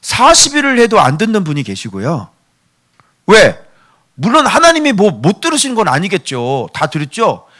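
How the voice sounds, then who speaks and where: A man's voice: high voice, wildly swooping pitch, moderate pace, fairly bright tone. A male pastor preaching a sermon in a playful, theatrical way, quizzing his congregation.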